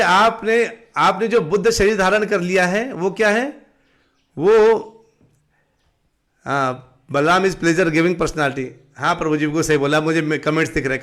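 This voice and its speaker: A man giving a live-streamed devotional talk, asking the audience questions and answering them himself, sometimes breaking into slow sung chanting. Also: sits high, fairly bright tone. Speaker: devotional teacher.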